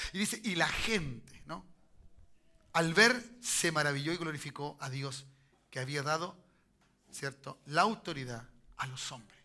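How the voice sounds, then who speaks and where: A Chilean pastor preaching to his congregation in a high, very bright voice. He keeps it conversational, checking in with the room and having them say lines back to him. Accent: Chilean Spanish. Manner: conversational preaching, frequent "¿me entiendes?" and call-and-response. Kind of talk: sermon.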